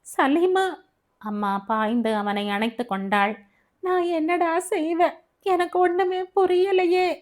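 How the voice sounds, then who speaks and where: A woman's voice: normal speed, few pauses, natural voice. A woman voicing a distraught mother who pleads and weeps at her sick son's hospital bed, in an audio novel. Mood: crying. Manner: tearful, pleading, high-pitched.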